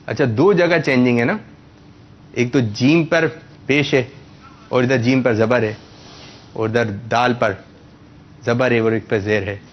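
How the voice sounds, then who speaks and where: A man's voice: mid-range voice, long pauses, lo-fi sound. A man hosting a religious quiz show for children, patiently correcting and repeating their answers.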